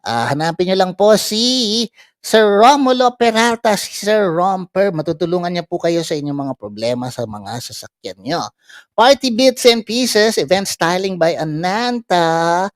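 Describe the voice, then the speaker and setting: A live-stream host with a Filipino accent, making casual announcements and sponsor plugs in a halting way that stumbles over words. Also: medium pitch, animated, no room sound, studio quality. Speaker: show host reading sponsor thanks.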